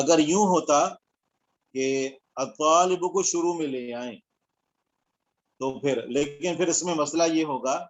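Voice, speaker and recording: A man teaching an online Arabic grammar class, explaining step by step and checking in with his students. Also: a little high.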